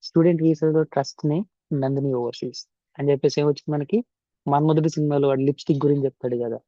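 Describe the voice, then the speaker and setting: A man's voice: a little high, warm tone, dry recording, lo-fi sound. A man with a Telugu accent giving an informal step-by-step tutorial voice-over, switching between Telugu and English mid-sentence and repeating instructions. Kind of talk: informal software tutorial narration. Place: indoor voice-over for screen recording.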